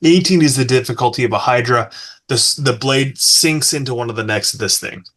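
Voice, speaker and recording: A man running a tabletop game as game master, narrating combat in quick bursts broken by fillers and restarts. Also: mid-range voice, a bit bright. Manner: fast, halting with many fillers and restarts.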